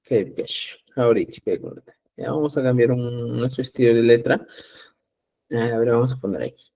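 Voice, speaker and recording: A man from Peru teaching a live online class, patiently explaining and often checking understanding with a quick "¿ya?". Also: medium pitch, fairly even intonation, gravelly, mellow. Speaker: Quechua teacher.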